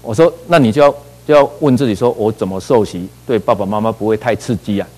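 Animated pastor preaching. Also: male voice, fairly low pitch, quick pace, poor audio. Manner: animated storytelling, rhetorical questions. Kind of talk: sermon.

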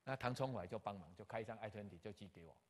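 An older man, a pastor, telling a personal story in an animated way, acting out conversations and dropping in English terms. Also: on the low side, fast talker. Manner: animated, acts out dialogue, scattered English terms. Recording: long hall reverb.

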